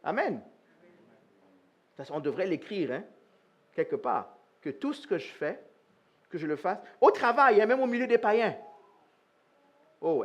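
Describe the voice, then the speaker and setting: A man's voice: very high-pitched, dull audio. A man preaching a sermon as pastor, talking straight to the congregation, asking them questions and acting out short dialogues. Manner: animated, asks the congregation questions; acts out little dialogues in voices. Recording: live church sermon.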